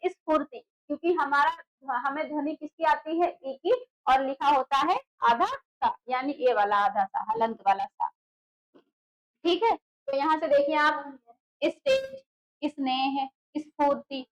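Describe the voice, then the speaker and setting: A woman with a high voice gives an exam-prep lesson at the board. She explains patiently, repeats key words and asks quick rhetorical questions that she answers herself. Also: rough recording. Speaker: Hindi teacher for exam prep. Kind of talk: classroom lecture at a board.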